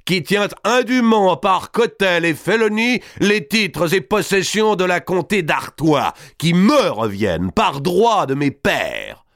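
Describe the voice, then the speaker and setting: A man voicing a furious young noble man who loudly and indignantly claims his inheritance before a king. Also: high-pitched, sing-song, slow pace, hardly any pauses, no room sound, studio quality, voice pushed up, heavily acted. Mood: indignant, declaiming. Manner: loud, indignant declaiming.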